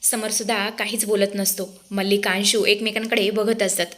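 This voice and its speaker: A woman's voice: mid-range voice, flat delivery, moderate pace, fairly bright tone. Woman narrator, dramatic storytelling recap, speaks to viewers. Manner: dramatic, addresses the audience.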